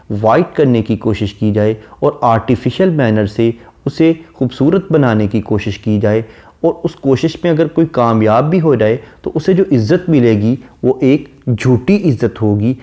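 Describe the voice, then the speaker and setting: A man with a dark, mellow voice delivers a classroom lecture on poetry. He reads English verse slowly and deliberately, then explains each line in a calm, steady teaching tone. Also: medium pitch. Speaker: literature lecturer.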